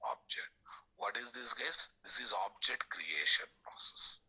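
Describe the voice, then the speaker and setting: A man's voice: mid-range voice, animated, measured pace, sharp tone, husky, poor audio. A middle-aged man with a Telugu Indian accent giving an online programming lecture, repeating phrases and checking in with questions. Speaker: programming instructor. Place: indoor room, screen-share video class.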